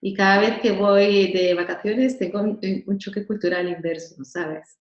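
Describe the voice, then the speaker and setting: A woman's voice: medium pitch, steady tone, a little slow, reverberant, highs cut off. A woman from Honduras, moderating an online webinar in a chatty way, with many fillers and repeated words.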